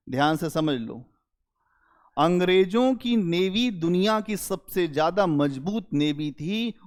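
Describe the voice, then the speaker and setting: Male history lecturer, fairly high voice, deliberate and emphatic, repeats key points. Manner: rhetorical questions to students. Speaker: history teacher. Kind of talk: exam-prep history lecture.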